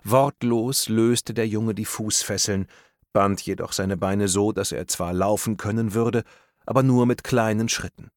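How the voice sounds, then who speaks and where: A man reading a thriller audiobook aloud in a tense, measured storytelling manner. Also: fairly low pitch, steady tone, no echo, clean studio sound. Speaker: audiobook narrator. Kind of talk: scripted narration of a thriller.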